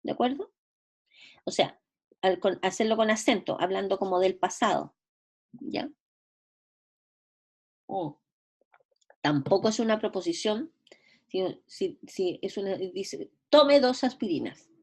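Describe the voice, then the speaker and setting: A woman's voice: mid-range voice, animated, slow, long pauses, a little mellow. A woman teaching a logic class, explaining patiently and often checking whether her students follow. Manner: explanatory, repeats and rephrases, checks understanding. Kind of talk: recorded lecture.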